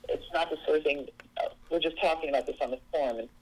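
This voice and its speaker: A woman's voice: low voice, fast, a little mellow, low-quality recording. A woman from Seattle, speaking as an interview guest in an earnest, reflective way. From Seattle, USA. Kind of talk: interview conversation.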